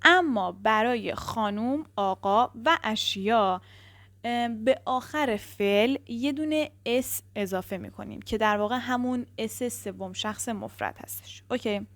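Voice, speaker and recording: A woman teaching an English grammar lesson who explains step by step, checks in with the class and drills word pairs slowly. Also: fairly high pitch, fairly bright tone, dry recording.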